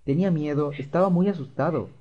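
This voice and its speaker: A man's voice: fairly high pitch, fast, pitched above the performer's own voice, lightly acted. A timid little boy who stammers and clings to the grown-ups around him, as a man voices him while reading a game aloud. The voice is raised a little above the man's own. It comes through a dull, lo-fi recording. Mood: frightened. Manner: stammering, fearful. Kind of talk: voicing game dialogue aloud.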